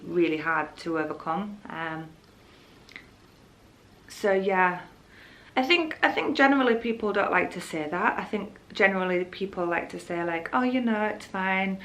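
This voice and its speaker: A young vlogger from Hull, Yorkshire, England, chats casually and candidly to her viewers, rambling as she goes in a Yorkshire English accent. Her voice sits on the low side with a fairly bright tone, and the recording is low quality.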